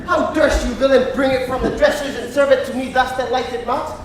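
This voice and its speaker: A man's voice: extremely high pitch, steady tone, fairly quick. A man acting a swaggering, domineering bridegroom on stage, declaiming verse and barking orders, heard from far off in an echoey hall with faint noise. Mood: blustering. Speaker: stage actor. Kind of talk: live Shakespeare stage acting. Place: theater stage. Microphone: far room mic.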